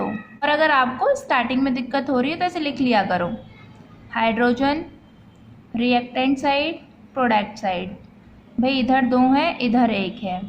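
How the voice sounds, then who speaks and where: A woman's voice: sits high, highs cut off, a little hiss or hum. A woman teacher, explaining chemistry step by step and asking and answering her own questions, as if to children. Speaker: science teacher.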